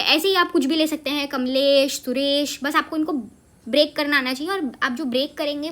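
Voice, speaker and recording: A woman with a high-sitting voice teaches an exam-prep grammar lesson in Hindi with English mixed in. She checks in often with rhetorical questions.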